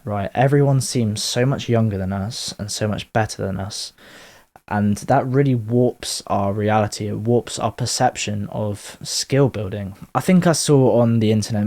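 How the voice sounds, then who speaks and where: A man in his twenties talks in a fairly low voice, musing out loud in a relaxed monologue. He is frank and loose, with the odd swear word. He keeps wandering off on tangents before he finds his point again. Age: 20s. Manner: rambling, candid, swears casually, drifts into tangents. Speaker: vlogger. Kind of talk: casual reflective monologue.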